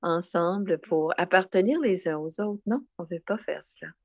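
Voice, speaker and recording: Low, husky woman giving a spiritual talk. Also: normal speed, a little mellow, no echo. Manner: reflective, repeats and rephrases phrases. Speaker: spiritual speaker.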